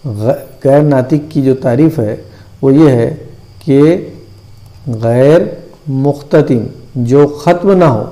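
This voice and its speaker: A man giving a maths lesson, his voice mellow and dark in tone. He works through each idea step by step, asking questions aloud and answering them himself. He often slows down to repeat key terms and digits. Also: mid-range voice. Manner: repeats terms and numbers slowly. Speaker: maths teacher. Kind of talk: classroom-style video lesson.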